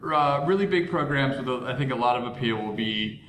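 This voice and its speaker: A man's voice: medium pitch, lively intonation, brisk, a bit bright. Male podcast host in an echoey space. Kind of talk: scripted podcast hosting with casual asides. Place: echoing visitors' bullpen at a ballpark. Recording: echoey hallway-like room, background noise.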